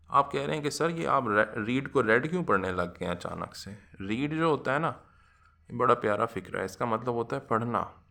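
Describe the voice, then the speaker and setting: Man explaining grammar in a gravelly voice. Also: mid-range voice, pushed and bright. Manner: addresses students as "janab" and "beta ji", often asks "theek hai"; reads English examples slowly and deliberately. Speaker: English grammar teacher. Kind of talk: classroom lecture.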